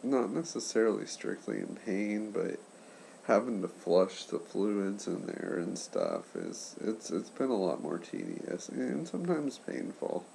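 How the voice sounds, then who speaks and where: Guy late 20s, super creaky voice, stuffed up, talking quiet and slow in a casual vlog. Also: fairly low pitch, sing-song, slight background noise. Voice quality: congested, impaired articulation after throat and nose surgery. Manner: subdued, keeping voice down for a sleeper; halting, trailing pauses. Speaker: patient sharing surgery recovery.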